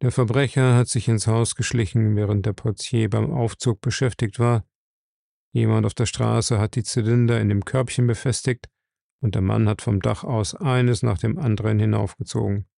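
A man reading aloud, voicing a terse, Scottish-born detective in a low, gravelly voice. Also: fairly even intonation, normal speed, warm tone, dry recording, studio quality. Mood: explaining. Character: tense Scottish-born male police detective.

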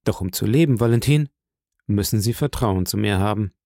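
A man's voice: on the low side, gravelly, mellow, no echo, studio quality. A man playing a grave, commanding nobleman. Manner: measured, grave, solemn. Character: calm, commanding older nobleman protector. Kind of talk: audiobook character reading.

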